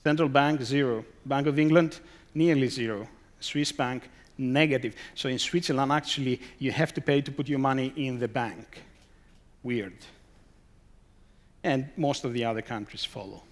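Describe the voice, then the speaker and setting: A man's voice: medium pitch, moderate pace. Guy presenting at a conference, reads out his slide titles, throws rhetorical questions and dry little asides at the room, middle-aged. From Greece. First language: Greek. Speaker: conference speaker.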